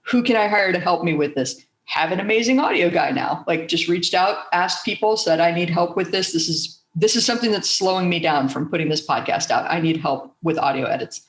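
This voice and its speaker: Speaking fairly quickly with few pauses, this podcast host has a medium-pitched, fairly bright yet soothing voice. The casual conversation, recorded in an echoey room, is candid and animated, with the odd casual swear.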